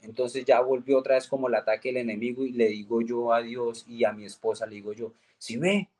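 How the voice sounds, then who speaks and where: A man's voice: level tone, fast talker, darkish tone. A young man giving a personal faith testimony, earnestly retelling events and acting out the dialogue. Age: young adult. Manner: earnest storytelling, acts out quoted dialogue with raised pitch. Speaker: guest giving a religious testimony.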